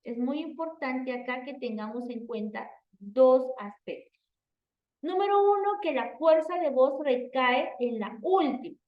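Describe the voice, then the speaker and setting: A woman teacher giving an online grammar lesson, explaining slowly and repeating herself with many "entonces" and "por favor". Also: high voice. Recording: echoey, distant, dull online audio.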